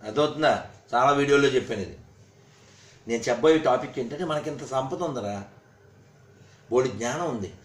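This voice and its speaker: A man's voice: medium pitch, fairly quick, pauses often. A man giving a scolding religious talk, firing rhetorical questions at his listeners. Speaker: religious speaker. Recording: roomy echo.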